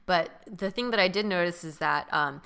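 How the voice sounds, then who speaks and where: A woman's voice: fairly low pitch, moderate pace, vocal fry, a bit bright, smooth. A young woman co-hosting a podcast, reflecting thoughtfully in a casual chat with many fillers. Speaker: podcast co-host.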